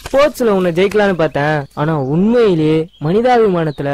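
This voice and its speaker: A man's voice: high voice, expressive, fairly quick, darkish tone, a little hiss or hum. A man playing an earnest, admiring young male college friend in a film. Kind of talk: film dialogue.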